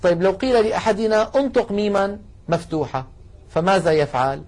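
A man lecturing a class, explaining carefully and slowing down to demonstrate sounds, asking students to try along. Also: sits high, a little mellow. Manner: addresses students directly, asks them to try along. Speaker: Quran recitation teacher.

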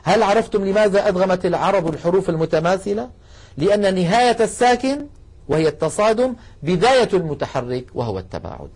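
A man lecturing a class, explaining carefully and slowing down to demonstrate sounds, asking students to try along. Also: high voice, expressive, a little mellow, breathy edge. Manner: addresses students directly, asks them to try along. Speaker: Quran recitation teacher.

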